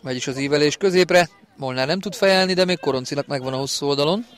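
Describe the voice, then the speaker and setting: A man giving excited live football commentary as a partisan match commentator. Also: a little high. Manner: excited, builds to shouted goal calls, partisan for the home team.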